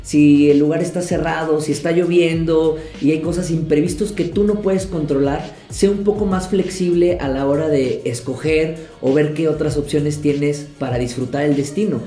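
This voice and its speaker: Young man, relaxed vlogger, warm mellow voice, echoey room, light music. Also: fairly high pitch, normal speed, few pauses. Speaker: travel vlogger. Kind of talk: casual advice to camera. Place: living room, indoors.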